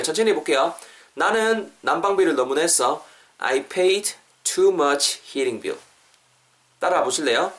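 A man hosting a podcast English lesson, repeating English phrases slowly for practice. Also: on the high side, a bit bright. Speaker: English teacher, podcast host.

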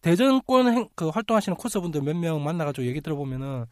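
A man with a slightly raised voice hosts a relaxed podcast chat, laughing easily and breaking into quick impressions of other people. The sound is dry and close, with no room echo. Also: a little high. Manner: chatty, laughs often, mimics others. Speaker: podcast host. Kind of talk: casual chat.

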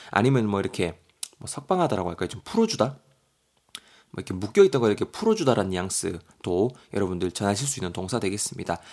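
A man with a Gyeongsang Korean accent teaching English vocabulary on a podcast. He spells words letter by letter, repeats them, and reads example sentences slowly. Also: lowish voice, a little mellow.

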